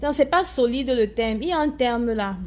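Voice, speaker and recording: A woman's voice: on the high side, expressive, normal speed, darkish tone. A woman with an African French accent, chatting casually to her viewers, often hunting for words and repeating herself. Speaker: live streamer answering viewers' comments. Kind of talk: casual chat commentary.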